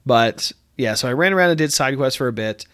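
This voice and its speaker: A man's voice: medium pitch, animated, a little fast, a bit bright, no room sound, clean studio sound. A young man with a congested nose, chatting casually about a video game he played, rambling with lots of fillers and restarts. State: congested from allergies. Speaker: gaming video host. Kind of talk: casual talk to camera. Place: friend's apartment room.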